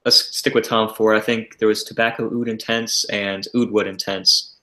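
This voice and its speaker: A man co-hosting a livestream in casual chat, relaxed and talkative, laughing often and using lots of filler words. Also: on the low side, moderate pace. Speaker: livestream co-host. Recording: roomy echo.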